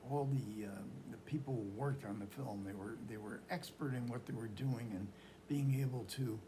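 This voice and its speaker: Male film lecturer, mid-range voice, informal and halting storytelling, light noise behind him. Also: medium pitch, darkish tone, low-quality recording. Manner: halting, searching delivery with repeated phrases. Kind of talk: informal film talk recounting history and plot.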